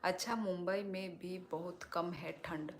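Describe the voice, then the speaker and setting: A woman's voice: on the low side, steady tone, slow pace, a little hiss or hum. A young woman from Tripura hosting a casual live stream, reading and answering viewers' comments in a chatty way. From Tripura, India. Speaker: livestream host reading comments.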